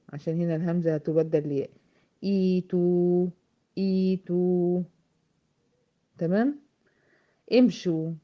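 A woman with an Egyptian accent teaching a tajweed lesson, often asking her students questions and slowly drawing out example words. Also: fairly low pitch, muffled recording. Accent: Egyptian Arabic. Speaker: Quran recitation teacher. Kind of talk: tajweed lesson explaining grammar.

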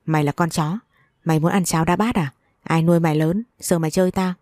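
Woman narrator doing a cruel, cursing old father; low, warm, dry read. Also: steady tone, quick pace, no echo, lightly acted. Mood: raging. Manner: harsh, cursing. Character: cruel, abusive older father on trial.

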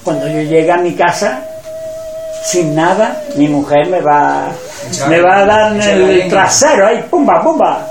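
A humble, bashful poor man, as a male storyteller plays him, fretting aloud in quick worried mutters. A roomy echo hangs on the voice. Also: high-pitched, animated, a loud crowd.

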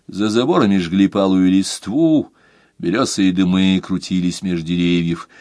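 A man narrating an audiobook in a measured, expressive way. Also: low-pitched, dry recording, clean studio sound. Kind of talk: scripted narration.

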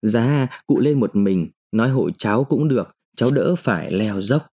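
A woman's voice: rumbling low, animated, moderate pace, warm tone, husky, exaggerated voice. A man reading a story, voicing a desperate, defiant young woman mine worker who pleads and cries out. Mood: timid, pleading. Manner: pleading, then crying out in protest.

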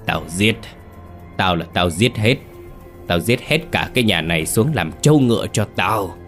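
A village woman possessed by a savage male spirit, as a man puts her on. The voice is deep, gruff and slow, full of crude threats. Faint music plays behind the storybook narration. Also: lively intonation, a bit bright. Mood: gloating.

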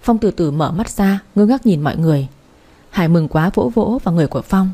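A woman reading a romance story aloud in a steady storytelling manner. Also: on the low side, quick pace. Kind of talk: storybook audiobook narration.

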